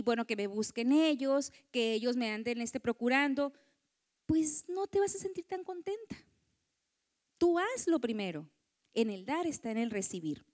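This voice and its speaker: A woman giving a motivational talk to women, often asking the audience for agreement. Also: high-pitched. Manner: warm lecturing, acts out quoted voices, asks audience. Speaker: conference speaker.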